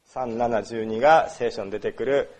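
A man's voice: mid-range voice, measured pace. A man from Osaka preaching a sermon in a conversational way, with many fillers and questions put to the congregation. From Osaka, Japan. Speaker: pastor. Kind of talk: sermon on worship.

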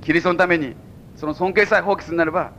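Animated pastor preaching, Mikawa accent. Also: male voice, fast talker, dull audio, slight background noise. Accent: Mikawa Japanese. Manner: animated preaching with sudden high exclamations and chuckles. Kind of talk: sermon. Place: church service before a congregation.

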